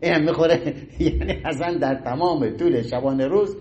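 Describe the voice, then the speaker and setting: A middle-aged man gives a casual, lively health talk in a slightly higher-than-usual voice. He is folksy and animated, and he acts out small scenes as he goes. A faint hiss runs under the recording. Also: lo-fi sound. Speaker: health lecturer.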